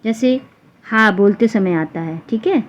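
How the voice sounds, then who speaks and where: A woman teacher explaining a grammar lesson for exam students, repeating example sounds slowly one by one. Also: medium pitch. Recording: dull lo-fi recording with faint noise.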